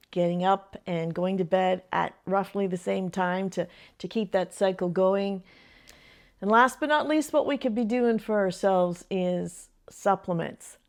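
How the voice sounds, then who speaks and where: Speaking at a medium pitch, a grandmother who used to teach shares advice with her vlog audience in a chatty, sincere way. Soft laughs frequently punctuate her thoughts in this casual video.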